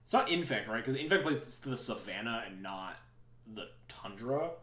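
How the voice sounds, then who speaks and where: A man's voice: medium pitch, lively intonation, normal speed, fairly bright tone, roomy sound. A man streaming a card game, thinking aloud in rambling, sometimes sarcastic casual commentary.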